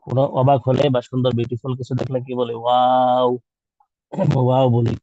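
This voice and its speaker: Man, patient children's teacher, drawn-out repeated sounds, very dark mellow voice, muffled lo-fi audio. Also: medium pitch, completely flat delivery, dry recording. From Bangladesh. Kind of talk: online class lesson.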